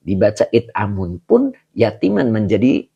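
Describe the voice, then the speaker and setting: A man's voice: fairly low pitch, wildly swooping pitch, normal speed, creaky, warm tone, slightly rough, highs cut off. A man teaching a live online Quran class, chatty, greeting viewers by name and chuckling often.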